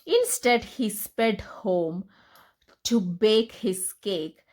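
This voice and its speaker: Reading picture books to small children, this woman tells the story in a deliberate, expressive way, with her pitch in the middle range.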